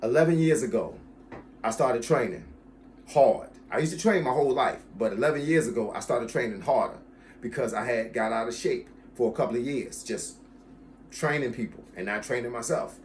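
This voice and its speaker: A fitness coach in his fifties talks straight to his viewers in a steady, mid-pitched voice. He hammers home each point by saying it again, with an easy, casual warmth toward his audience. A faint hiss sits under the recording. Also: normal speed. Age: 50s. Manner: emphatic, repeats key phrases, addresses viewers as y'all. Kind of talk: casual talk to camera about his channel.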